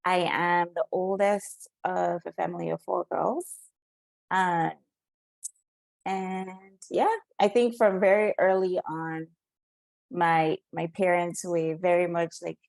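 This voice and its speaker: A young woman from Cameroon, a guest on a podcast, speaking in a thoughtful, measured way. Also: lowish voice, gravelly, a little mellow, no echo. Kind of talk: conversational interview.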